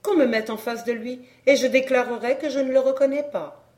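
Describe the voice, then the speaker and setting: A woman's voice: high voice, fairly even intonation, a little fast, darkish tone, pitched above the performer's own voice, close to an everyday voice. A woman voicing an earnest young woman in an audiobook, asking pressing questions. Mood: eager. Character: earnest young woman seeking her father's killer. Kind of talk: audiobook character reading.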